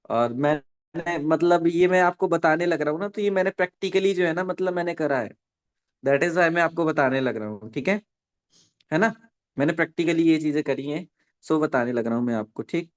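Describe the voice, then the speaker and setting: A man running a live online training session for network marketing, dictating points slowly and checking in with listeners after nearly every sentence. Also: on the high side. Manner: dictates slowly for note-taking.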